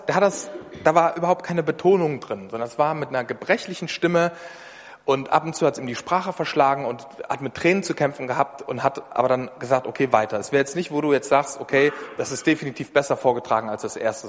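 A man preaching a sermon in German in a lively, conversational way, often turning to the listeners directly. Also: mid-range voice, brisk. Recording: long reverb of a hall.

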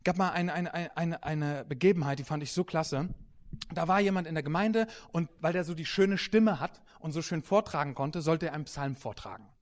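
High-voiced animated preacher. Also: male voice, moderate pace. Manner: animated, swings between soft and loud, storytelling. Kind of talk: sermon with anecdotes.

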